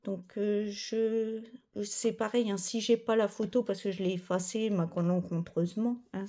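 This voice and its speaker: A woman's voice: medium pitch, fairly even intonation, a little slow, warm tone. A woman chatting casually as a cross-stitch vlogger, rambling with many fillers and self-corrections. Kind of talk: casual chat.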